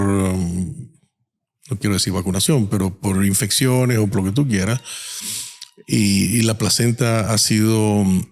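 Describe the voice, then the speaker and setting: Invitado médico, hombre, voz grave y áspera, explica con calma. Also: male voice, fairly low pitch, vocal fry, slightly rough. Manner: calm explanatory. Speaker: doctor guest. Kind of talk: conversational interview.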